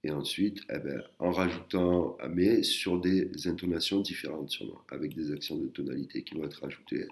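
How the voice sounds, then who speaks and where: Male language teacher, very deep and gravelly, casual and halting, full of fillers. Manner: hesitant, many fillers and restarts; sounds out syllables slowly. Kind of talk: casual spoken lesson.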